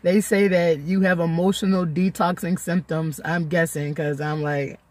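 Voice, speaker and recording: A woman's voice: fairly low pitch, fairly even intonation, moderate pace, a little mellow. A woman talking casually in a video diary, chatty and close to tears, laughing now and then. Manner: chatty, laughing often, emotional. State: tearful, close to crying. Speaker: vlogger.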